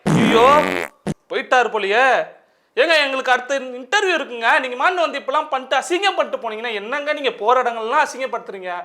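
Fast, sharp-voiced mocking interviewer man. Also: very high voice, animated. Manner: mocking, needling, scolding. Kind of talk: confrontational interview.

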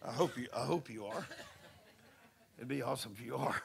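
A man preaching a sermon, telling stories in a folksy, animated way at a church service. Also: medium pitch, a little fast, creaky. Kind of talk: sermon with storytelling.

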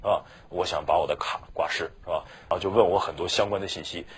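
Here the Mandarin-native teacher has a deep, slightly rough voice, fairly even intonation, and a fast delivery. His exam-prep lecture is chatty, and he constantly checks in with "是吧" for his students' agreement.

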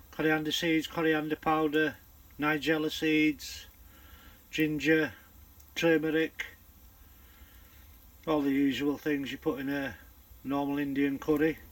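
A man's voice: mid-range voice, a bit bright, low-quality recording. An older man, chatting casually to camera in a bankside bivvy while he fishes and cooks a curry. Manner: chatty, matter-of-fact running commentary. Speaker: angler vlogger. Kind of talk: casual vlog narration while cooking. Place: bankside bivvy outdoors at dusk.

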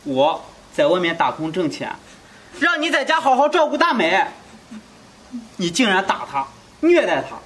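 A man's voice: sits high, huge pitch swings, moderate pace, pauses often, a bit bright, heavily acted. An actor playing an earnest young husband who pleads with his wife and reproaches his mother, repeating his questions. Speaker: husband returning from work away.

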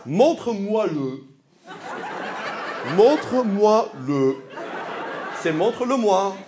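A man's voice: high-pitched, big pitch swings, extremely slow. A man doing stand-up comedy, quizzing the audience with playful, incredulous questions. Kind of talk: crowd-work stand-up comedy. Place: comedy venue with a live audience. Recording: live audience and room noise.

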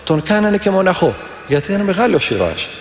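In an echoey, reverberant hall, an Orthodox monk with a high voice and big pitch swings gives a sermon. He tells stories earnestly and vividly and repeats prayers.

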